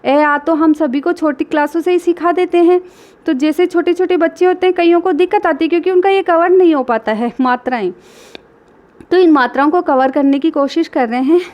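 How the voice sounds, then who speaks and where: A woman teacher giving a reading lesson to children, slowly and patiently sounding out syllables and talking directly to the kids. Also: very high voice, dull audio.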